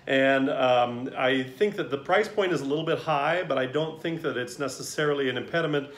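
A man's voice: medium pitch, brisk, fairly bright tone. A man reviewing a singer's mask while wearing it, chatting in a friendly way with plenty of ums and uhs. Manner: friendly, hesitant with many fillers. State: through a face mask. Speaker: choir director. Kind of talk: casual product review. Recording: echoey room.

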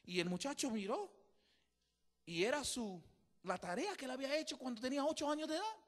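A man's voice: very high voice, expressive, fairly quick, a bit bright. A man preaching a sermon, telling a story and building to emphatic, repetitive exhortation. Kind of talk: bilingual sermon with interpretation.

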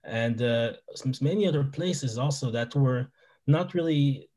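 At a measured pace and in a mellow mid-range voice, a young Québécois native French speaker gives a friendly talk as a wildlife biologist guest. He speaks over a video call with a headset from a small indoor room, with plenty of fillers and a French-Canadian accent.

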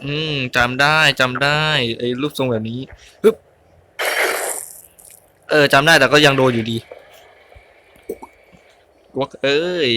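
Bright-voiced man muttering over a game. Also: mid-range voice, steady tone, takes it slowly, pauses often, a little hiss or hum. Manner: mutters and grunts while playing, exclaims at mistakes. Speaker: gaming YouTuber. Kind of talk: casual let's-play commentary.

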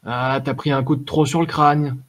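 A man voicing a gruff, mocking old male warrior in an audiobook, with blunt soldier's slang. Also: on the low side, normal speed. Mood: scolding. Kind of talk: audiobook character voice.

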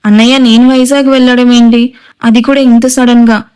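An anxious young man who pleads and stumbles over his words, as a woman storyteller puts him on. The voice stays clear and fairly even in pitch. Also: moderate pace, lightly acted. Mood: pleading. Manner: pleading, hesitant.

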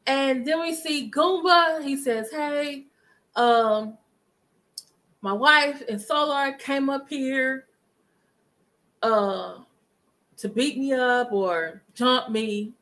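A middle-aged woman hosts a live commentary stream from her home living room, speaking directly into a webcam at desk distance. Her somewhat high voice comes across bright and forward as she talks emphatically, very slowly and with frequent pauses, stopping to greet chat viewers. The recording quality is low.

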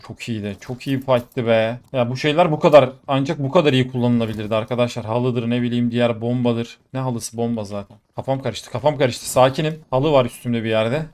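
A young man commentating his own gameplay live, excitable and quick to exclaim and swear in the middle of fights. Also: mid-range voice. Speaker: gaming YouTuber. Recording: faint game noise behind. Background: gunfire from the game.

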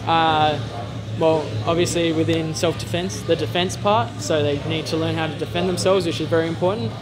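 A man's voice: on the high side, steady tone, normal speed, over music. A jiu-jitsu coach, a man, answering interview questions plainly with many ums and uhs. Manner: hesitant, many fillers.

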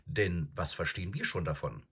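A man voicing a stern eldest brother in a storybook reading, scolding forcefully. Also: low-pitched, moderate pace, breathy edge, exaggerated voice. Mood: angry.

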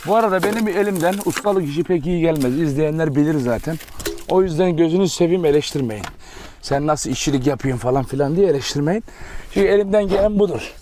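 A man's voice: a little high, fast, mellow. Man, casual farm vlog, talkative, outdoor camera mic, faint noise. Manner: chatty, talks to his dogs in a doting baby voice. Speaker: farm vlogger. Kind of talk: casual vlog talk to viewers. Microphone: camera mic, filming alone without a tripod.

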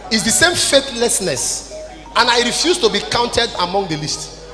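The voice belongs to a Nigerian man in his forties, an apostle preaching a sermon on stage in a big church hall. It's extremely high-pitched with lively intonation at a moderate pace, and he scolds the congregation emphatically in short declarative lines. Music plays behind him as his handheld microphone echoes through the large hall's PA.

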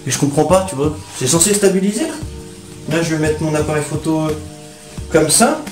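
Excitable slangy young man, echoey room. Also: on the high side, fairly quick, soft background music. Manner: slangy, excitable, addresses viewers as brothers. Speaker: YouTuber. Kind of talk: casual unboxing vlog.

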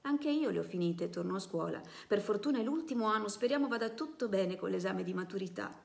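A woman's voice: mid-range voice, animated, fairly quick, vocal fry, a little mellow. A woman doing a cheerful young student. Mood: polite. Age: young adult. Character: friendly young female student, bright and decided.

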